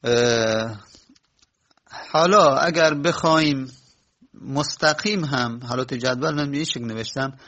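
A male teacher with a gravelly, creaky voice at a middle pitch. He works through each step methodically and drags out example words. He pauses on fillers and stops to correct himself. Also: pushed and bright. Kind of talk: classroom lesson on verb patterns.

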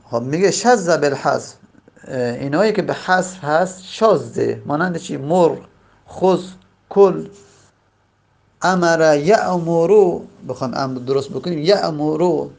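Gravelly man teaching grammar step by step. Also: fairly high pitch, lively intonation. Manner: explains step by step, repeats and draws out example words slowly. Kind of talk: classroom lesson.

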